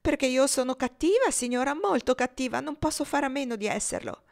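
Mischievous young girl, high voice, pleading, falsely innocent, as a woman reads her. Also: animated, brisk, vocal fry.

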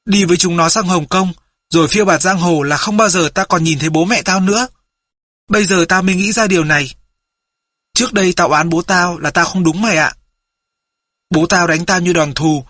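A man's voice: high voice, bright, forceful tone, slightly rough, no room sound, studio quality, heavily acted. A man voicing a remorseful teenage runaway boy in an audiobook, confessing in a heartfelt way. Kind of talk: audiobook character voice.

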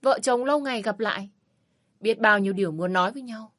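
A woman's voice: fairly high pitch, fast talker, fairly bright tone. A woman voicing a smug, pushy ex-husband who talks in a wheedling, mocking, overly familiar way in a storybook reading. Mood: leering. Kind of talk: storybook narration.

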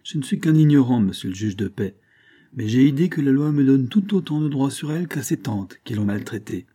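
A man voicing a blunt, ironic old bearded peasant, speaking gruffly and plainly in an audiobook. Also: medium pitch, expressive, brisk, warm tone, voice pushed up. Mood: stern.

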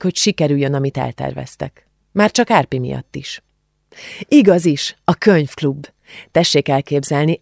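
A woman's voice: low voice, darkish tone, dry recording, clean studio sound. A woman reading the part of an earnest, book-loving teenage refugee girl in an audiobook, heartfelt in tone.

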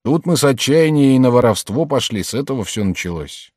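A man reading aloud and voicing a former servant turned highway robber who plaintively explains himself. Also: animated, fairly quick, a little mellow, no room sound, clean studio sound, natural voice. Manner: plaintive, rambling, sighing.

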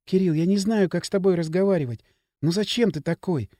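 A man's voice: high voice, mellow, dry recording, clean studio sound, lightly acted. A man doing a tearful young woman. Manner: pleading, halting speech. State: crying.

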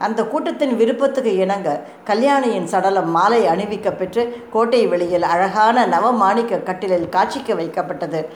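A woman reading a historical novel aloud with measured, dramatic narration. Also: mid-range voice. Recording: echoey room, faint noise.

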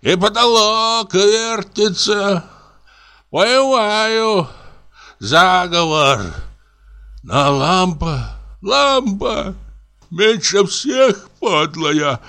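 A raving drunk actor. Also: male voice, lively intonation, drawn-out words, sharp tone, full character voice. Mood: drunken raving. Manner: wailing, slurred high cries. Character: drunk bewildered male actor, raving and frightened.

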